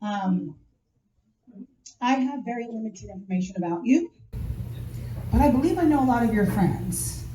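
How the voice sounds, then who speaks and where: A woman's voice: on the high side, lively intonation, normal speed, pauses often, mellow. A woman from Nevada giving an earnest, rambling public comment at a community meeting, with many fillers. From Nevada, USA. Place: meeting hall. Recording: echoey hall, far from mic, noisy.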